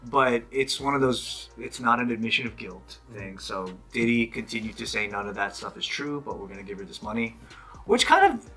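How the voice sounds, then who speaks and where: A man's voice: mid-range voice, expressive, brisk, pushed and bright, faint music behind. A man retelling a story in casual chat, hesitant and full of fillers.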